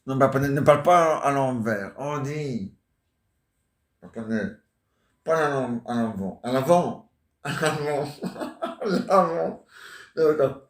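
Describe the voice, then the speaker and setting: A man's voice: medium pitch, expressive, takes it slowly, long pauses, far from the mic. Joking French man in an echoey room. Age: 40s. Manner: joking, playful, teasing banter. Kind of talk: rambling casual chat.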